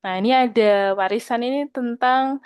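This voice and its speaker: A woman teaching an online programming lesson. She speaks patiently, keeps checking in with her students, and slows down when she reads out code. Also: a little high, darkish tone, clear, resonant tone, no room sound.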